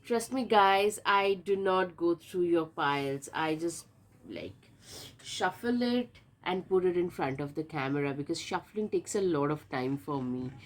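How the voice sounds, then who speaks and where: A woman's voice: fairly low pitch, a little slow. Woman with a stuffy nose reading tarot. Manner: chatty, repeats words, many fillers. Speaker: tarot reader. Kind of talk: casual tarot reading to camera.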